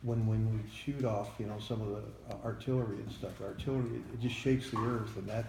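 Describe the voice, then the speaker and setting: An older American man, a veteran in an interview, remembering his army days in a halting, plain-spoken way. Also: on the low side, steady tone, gravelly, a little mellow. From United States. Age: 70s or older. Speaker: Vietnam-era army veteran being interviewed. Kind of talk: veteran interview, recalling memories. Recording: echoey room, faint background noise.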